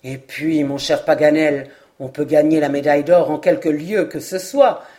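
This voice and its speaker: A woman voicing a composed male Scottish lord with a dry sense of humor, speaking calmly and deliberately. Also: low voice, voice pushed down, lightly acted. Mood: teasing. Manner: calm, deliberate, teasingly serious.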